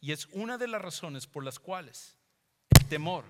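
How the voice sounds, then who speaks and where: A man's voice: a little high, lively intonation, normal speed, background noise. A man preaching a sermon on a microphone in a church hall. He talks emphatically and repeats key phrases. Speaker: pastor. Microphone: handheld or stand microphone. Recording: long hall reverb.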